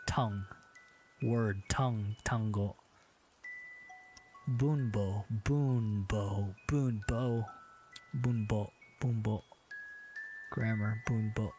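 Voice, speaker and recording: A young male variety streamer with a fairly low, slightly mellow voice chats casually on his livestream while drilling Japanese vocabulary. He playfully fakes a Southern drawl, and his streaming microphone picks it all up.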